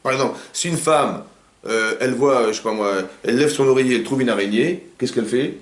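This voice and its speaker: Fast-talking rabbi in a roomy room. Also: male voice, medium pitch. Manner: rapid, animated, asks the audience rhetorical questions. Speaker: rabbi teaching a class. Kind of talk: informal Torah class. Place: living room of a private home. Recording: roomy home recording.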